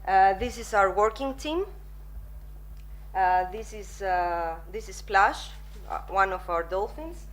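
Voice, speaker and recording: A woman presents at a conference in a mid-pitched voice. Her phrasing is halting, with many hesitations as she explains her professional work. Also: lively intonation. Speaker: psychologist presenting at a talk.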